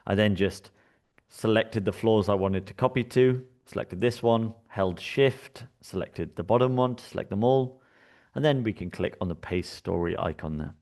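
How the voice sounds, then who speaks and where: A man from the UK with a British accent runs a live software workshop at normal speed, his pitch fairly low. He keeps things chatty and relaxed, often using fillers and restarting sentences.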